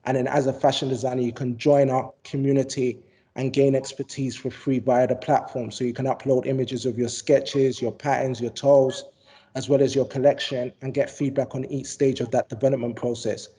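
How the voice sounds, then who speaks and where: A man's voice: mid-range voice, normal speed. A man speaking as a panel guest on a video call, telling his story steadily with frequent hesitations. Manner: steady, with many "um"s. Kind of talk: casual personal account.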